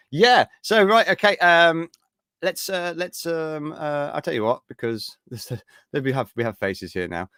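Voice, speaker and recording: A man's voice: medium pitch, a bit bright, dry recording, clean studio sound. Rambling upbeat British man hosting. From Britain. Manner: upbeat, rambling, many fillers. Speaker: live-stream show host. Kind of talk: casual live-stream chat.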